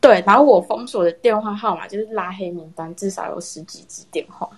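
A young woman casually telling a personal story in a chat with friends, animated and laughing often. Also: medium pitch, a little fast. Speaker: storyteller in a horror story contest.

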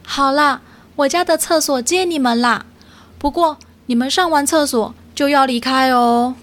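A woman's voice: high voice, expressive, a little slow, voice pushed up. A woman voicing a cheeky, grumpy little sea otter who talks in a whiny, impatient way in a children's storybook. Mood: grumbling.

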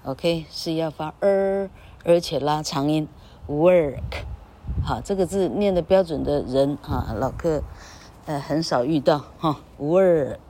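A woman's voice: sits low, a little slow, dark tone, slight background noise. A woman teaching English vowel sounds in casual Mandarin with a Taiwanese accent. She drawls out each vowel as she demonstrates it and tags her phrases with a little "ha". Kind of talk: casual spoken lesson. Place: recording under an elevated railway bridge.

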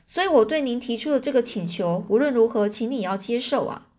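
Calm courteous detective, voiced by a woman, wry, unhurried, slightly high voice. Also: natural voice. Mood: polite.

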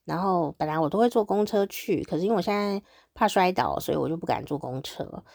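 On her own podcast, a Taiwanese Mandarin-accented woman chats through everyday stories, upbeat and quick to laugh. Her voice sits low, gravelly and a bit dark, and she talks fast. The recording is clean studio sound without any room tone.

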